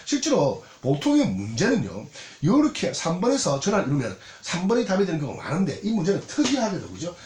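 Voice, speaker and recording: A man's voice: on the high side, a little mellow. A man with a Gyeongsang Korean accent giving a recorded exam lecture, checking in constantly with rhetorical questions. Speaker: English exam tutor. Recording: roomy echo, faint noise, clicks.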